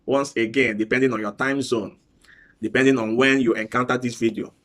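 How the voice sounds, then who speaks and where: A man giving a business coaching talk, repeating key phrases with slow, preacher-like emphasis. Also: mid-range voice, steady tone, fairly bright tone.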